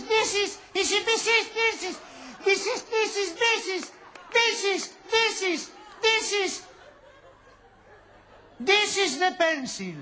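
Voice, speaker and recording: A man doing a shrill flustered stammerer. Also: pushed and bright, slight background noise, exaggerated voice. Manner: stammering, tongue-tied repetitions. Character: flustered man fumbling through broken English lessons. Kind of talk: live comedy sketch.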